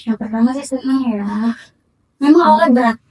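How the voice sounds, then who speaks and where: A woman in her twenties gives short, simple answers about her training. Her voice is fairly high, and she sounds a little far from the microphone. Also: normal speed, a little mellow. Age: 20s. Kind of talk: casual interview answers.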